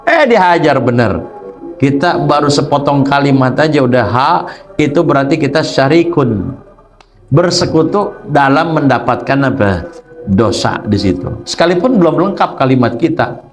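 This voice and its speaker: A man's voice: mid-range voice, normal speed, soft background music. A man teaching a religious text lesson, explaining playfully with rhetorical questions. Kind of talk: kitab study lesson.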